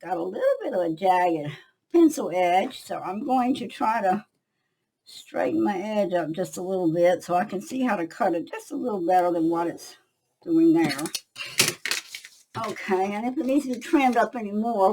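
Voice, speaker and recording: An older woman, hosting a casual crafting tutorial from her craft shop, chatting to viewers as she works and going quiet while she concentrates. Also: medium pitch, slight background noise, rough recording. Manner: chatty, talks to viewers while working, trails off when concentrating.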